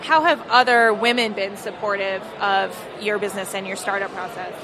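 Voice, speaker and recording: A woman's voice: medium pitch, fairly even intonation, moderate pace. A woman interviewer asking friendly, loosely worded questions at a busy food market. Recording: noisy market background.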